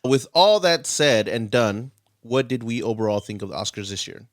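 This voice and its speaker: A man hosting a casual film podcast, leading a recap in a relaxed way with plenty of filler words. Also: medium pitch, normal speed, no echo, studio quality. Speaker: podcast host.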